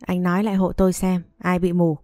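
Scornful pregnant young wife, read by a woman; cold, cutting delivery, low and dry. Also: level tone, fairly quick, darkish tone, no room sound, natural voice.

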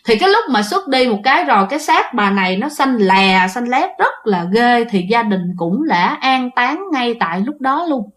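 A woman's voice: on the high side, animated, moderate pace, few pauses, fairly bright tone. A woman with a Southern Vietnamese accent telling a ghost story casually, chatting directly to her listeners. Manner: chatty, addresses listeners directly, many fillers.

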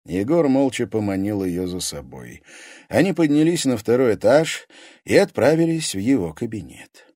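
A man narrating an audiobook in an even storytelling manner. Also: lowish voice, moderate pace, no echo, clean studio sound. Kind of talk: scripted narration.

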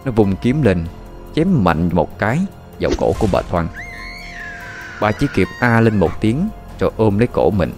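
A man, narrating a dark story in a steady, dramatic way. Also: lowish voice, moderate pace, faint music behind.

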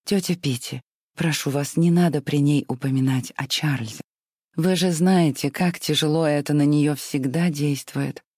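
A reader voicing a gentle, kind young woman who speaks softly and earnestly to comfort. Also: medium pitch, moderate pace, no room sound, clean studio sound, close to an everyday voice. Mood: soothing. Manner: soft, soothing, earnest. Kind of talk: audiobook reading.

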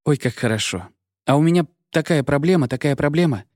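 A man reading an audiobook and voicing a chatty, naive young woman who rambles and pleads in a raised pitch. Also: lively intonation, brisk, darkish tone, no echo, studio quality, natural voice. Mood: rambling. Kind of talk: audiobook character voice.

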